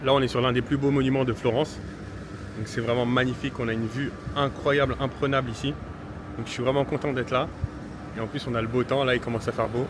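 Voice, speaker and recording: A man's voice: medium pitch, fairly even intonation, fast talker. A man casually vlogging on a trip, chatty and enthusiastic, with plenty of fillers. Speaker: vlogger, influencer. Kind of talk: casual travel vlog, talking to camera. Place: hotel room and city streets. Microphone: handheld camera. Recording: noisy outdoor street ambience.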